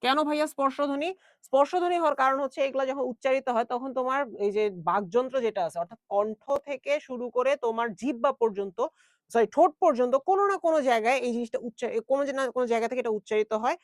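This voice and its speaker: A man's voice: very high voice, fast talker, no echo, studio quality. A young man teaching an online class in a chatty way, with jokey asides and English words mixed in.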